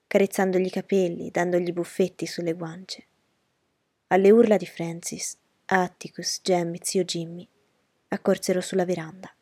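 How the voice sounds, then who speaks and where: A woman narrating a novel in a measured storytelling voice. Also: fairly low pitch, a little mellow, slightly rough, dry recording, clean studio sound. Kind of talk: audiobook reading of a novel.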